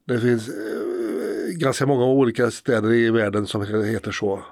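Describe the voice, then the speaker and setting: A man's voice: medium pitch, vocal fry, darkish tone, dry recording, studio quality. A man from Sweden hosting a casual podcast chat about places, talking in a hesitant way with frequent fillers and restarts. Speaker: podcast host.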